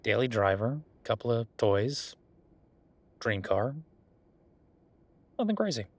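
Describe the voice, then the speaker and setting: A man's medium-pitched voice, very animated yet taking things slowly, comes through with no echo. He plays a young billionaire, friendly and self-deprecating, who rambles informally and gets playfully defensive with the listener in a casual, intimate audio roleplay.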